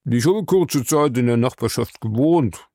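A man voicing a smooth-talking, evasive male bar owner in an audiobook, lifting his voice higher and giving it a changed tone. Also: big pitch swings, moderate pace, darkish tone, no room sound, clean studio sound.

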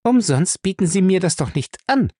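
A man reading a novel aloud, voicing a firm, quick-witted young woman in a raised voice. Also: low-pitched, big pitch swings, mellow, no room sound, clean studio sound, pitched above the performer's own voice. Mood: sharp, firm.

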